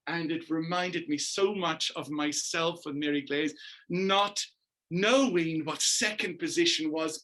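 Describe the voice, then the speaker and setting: A middle-aged man from Northern Ireland who works as a dancer and choreographer, recounting his past as an interview guest. He talks in an animated, emphatic way and keeps turning to the host by name. His voice sits a little high, with a bright, forceful edge. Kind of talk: storytelling interview.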